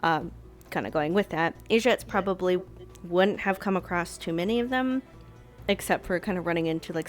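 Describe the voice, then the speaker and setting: A woman player in a tabletop game, chatting loosely over a voice call with lots of fillers. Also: on the low side. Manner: loose and rambling, heavy on fillers. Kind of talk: casual chat during a tabletop game.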